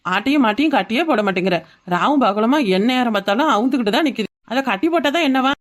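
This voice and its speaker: A woman's voice: fairly high pitch, animated, fast, lightly acted. A woman voicing a young village woman neighbour in a cartoon comedy, chiding the others in a southern Tamil village dialect. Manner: chiding, meddling. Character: Chinna Ponnu, young village woman neighbour, meddling peacemaker.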